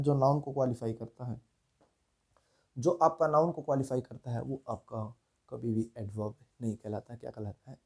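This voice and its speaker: Man, grammar teacher, mellow voice, keeps checking students understand. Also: mid-range voice, creaky. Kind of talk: classroom lesson explaining grammar.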